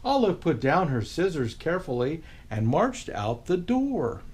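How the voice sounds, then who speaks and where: A man reading a children's picture book aloud as a storyteller, expressive and unhurried. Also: on the high side.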